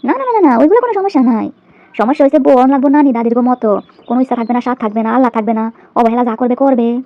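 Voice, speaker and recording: A woman's voice: on the high side, fairly even intonation, very fast, no echo, lightly acted. A woman playing an aggrieved, nagging young wife in a comedy skit, bickering and complaining with sarcastic questions in a colloquial Bangladeshi accent. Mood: indignant, sarcastic. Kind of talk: domestic comedy skit monologue. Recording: dull, lo-fi dry recording.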